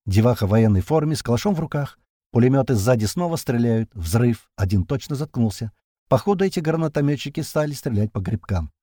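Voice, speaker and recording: A man narrates a first-person battle story in rough, slangy prose. His reading moves a lot in pitch, and his voice is warm and a little husky. The recording is close and dry. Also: animated, dry recording. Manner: slangy, swearing, fast-moving action telling. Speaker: audiobook narrator.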